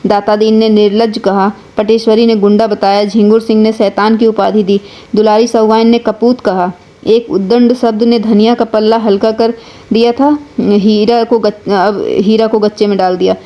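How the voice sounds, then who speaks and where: A woman's voice: medium pitch, little pitch movement, moderate pace, dull audio. A woman storyteller reading a classic novel aloud in an earnest, dramatic way.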